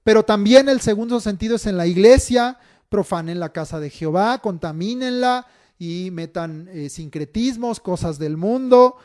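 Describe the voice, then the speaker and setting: A man teaches a Bible class in sermon style. He swells into loud, emphatic stresses whenever he reads scripture or counts off his points. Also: high-pitched, normal speed.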